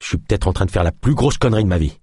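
A man's voice: deep voice, expressive, very fast, a little mellow, slightly rough, no room sound, studio quality. A man voicing a coarse, crude jail guard who grumbles in slangy talk. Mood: gruff.

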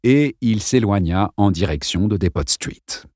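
Un homme qui lit un roman en livre audio, d'un ton posé et expressif. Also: male voice, on the low side, measured pace, a little mellow, dry recording, clean studio sound. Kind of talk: narration de roman lue.

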